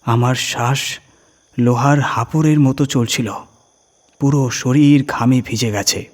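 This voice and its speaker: A man with a husky voice, narrating a scary first-person story with suspenseful, deliberate phrasing and dramatic emphasis. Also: medium pitch, fairly even intonation, a little mellow.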